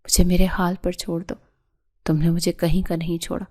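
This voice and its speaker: A woman's voice: lowish voice, flat delivery, darkish tone, lightly acted. A woman voicing a wronged young wife in an audio story, tearful and bitter.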